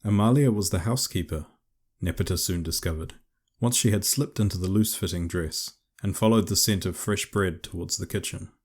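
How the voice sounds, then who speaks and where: Deep-voiced male audiobook narrator. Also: brisk, darkish tone. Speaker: author and narrator.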